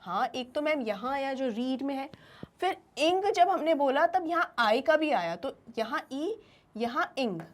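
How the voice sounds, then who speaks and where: A woman teacher giving a grammar lesson, asking her students questions and answering them herself. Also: high-pitched.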